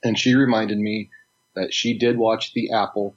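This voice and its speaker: Husky, low just-woken-up man. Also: level tone, moderate pace, lo-fi sound. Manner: laid-back, dry humor, many uh fillers. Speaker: podcast co-host. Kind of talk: casual podcast chat.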